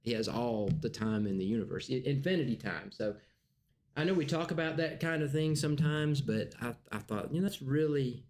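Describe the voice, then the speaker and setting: Man teaching a church class, chatty and halting, mid-pitched. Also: expressive, darkish tone, a little hiss or hum. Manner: conversational, halting, many restarts. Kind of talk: casual teaching.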